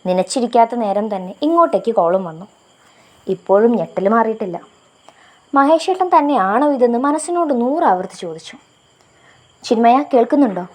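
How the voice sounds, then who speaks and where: A young woman reading a first-person love story aloud in a soft, reflective manner. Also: fairly high pitch, lively intonation, fairly quick. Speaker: story narrator.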